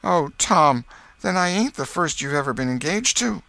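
Man putting on a timid little schoolgirl, raised pitch. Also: animated, normal speed, vocal fry, sharp tone, no room sound, full character voice. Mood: hurt. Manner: timid, hesitant. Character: shy, sweet, naive little schoolgirl.

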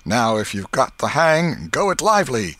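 A man reading aloud and voicing a bossy, excitable boy who plays at being an outlaw, with loud boyish calls. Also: fairly low pitch, measured pace, dry recording, pitched above the performer's own voice.

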